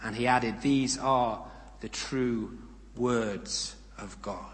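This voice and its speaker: A man's voice: medium pitch, slow. Man preaching in a reverberant hall. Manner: reads scripture with rising emphasis, explains in calm asides. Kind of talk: sermon with scripture reading.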